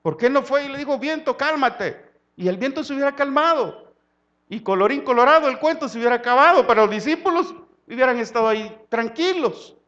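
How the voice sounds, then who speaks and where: A man preaching a sermon in Salvadoran Spanish, his voice pitched notably high. He shifts from hushed, low stretches to loud, fervent exhortation. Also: expressive, brisk, muffled recording. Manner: swings from quiet low tones to loud impassioned preaching.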